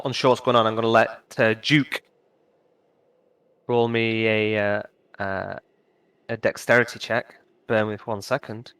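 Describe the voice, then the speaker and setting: Male game master, smooth voice, halting narration full of fillers and restarts. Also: on the low side, fairly bright tone, poor audio.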